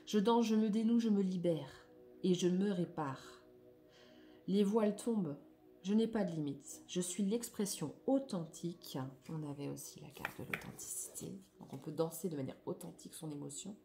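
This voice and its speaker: A woman reads oracle cards aloud in a soft, reflective way, adding her own comments and often trailing off. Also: lowish voice, normal speed, music in the background. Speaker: spiritual card reader.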